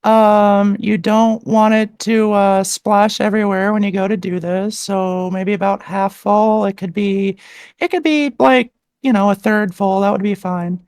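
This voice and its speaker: A voice coach joins a live-stream conversation as a guest, speaking into a desktop mic with adjustable gain. Her mid-range, darkish voice has fairly even intonation and a measured pace, recorded clean with no room sound. She explains exercises patiently and step by step, often filling with "like" and "um".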